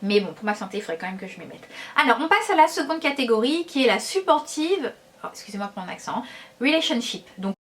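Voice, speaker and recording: A woman's voice: mid-range voice, sing-song, very fast, fairly bright tone. A woman vlogger talking casually to her viewers, chatty and hesitant, with many fillers. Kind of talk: casual talk to camera.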